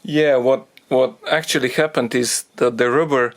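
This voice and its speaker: A man explaining a car repair as he works on it, thinking aloud in halting phrases and getting out of breath from the effort. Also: medium pitch, steady tone. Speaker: DIY car repair presenter. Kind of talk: hands-on repair tutorial.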